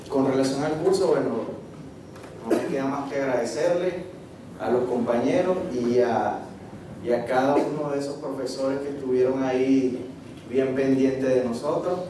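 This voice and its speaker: This mid-range, mellow voice belongs to a middle-aged Venezuelan man, a marine geology researcher presenting to his course in a halting, informal way with frequent tag checks to confirm he's followed. He uses a handheld mic through the PA of a medium-sized indoor seminar room. A far camera microphone picks it up, so the recording is echoey and noisy.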